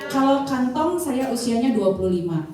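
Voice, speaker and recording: A woman's voice: sits high, lively intonation, normal speed. Woman around fifty speaking in an echoey hall. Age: 50s. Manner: chatty, warm-up questions to the crowd, many fillers. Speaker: insurance agent giving a sharing talk. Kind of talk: motivational speech to an audience. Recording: distant mic, heavy room echo.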